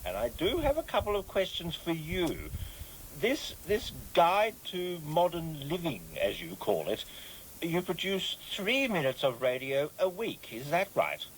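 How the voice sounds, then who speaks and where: A man's voice: fairly high pitch, big pitch swings, a little slow, a little hiss or hum, rough recording. A man playing a prim, officious government inspector in a radio comedy sketch, prying and pompous. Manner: pompous, prying, sing-song emphasis.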